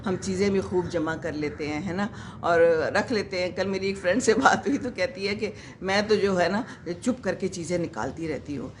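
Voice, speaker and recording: A woman's voice: lowish voice, slight background noise. A woman in her sixties, a vlogger who chats casually and rambles to her live viewers, with many fillers.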